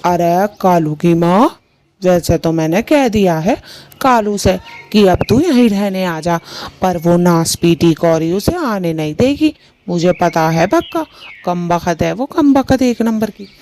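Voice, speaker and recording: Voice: mid-range voice, expressive, a little slow, a little mellow. A performer voicing an old, ailing male bird father in a cartoon, complaining in rustic village speech. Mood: grumbling.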